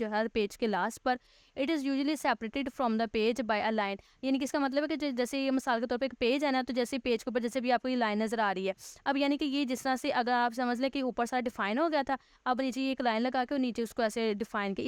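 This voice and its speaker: A woman's voice: a little high, clear, resonant tone, no room sound, clean studio sound. Patient woman teaching a grammar lesson. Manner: reads English text slowly, then explains it step by step; patient, repeats and rephrases points.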